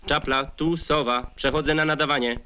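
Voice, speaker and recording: A man's voice: fairly high pitch, steady tone, moderate pace, bright, forceful tone, clear, resonant tone. A man working as a radio operator, making a clipped procedural call over a two-way radio. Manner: clipped call-sign protocol.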